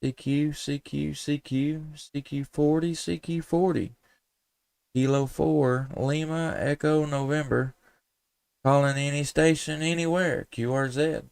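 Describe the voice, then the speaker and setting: A man from southern Middle Tennessee works ham radio on a live stream, making calls and casual contacts in a folksy, courteous manner full of radio jargon and spelled-out call signs. His voice is a little high, fairly even and unhurried, creaky and darkish, smooth and without echo.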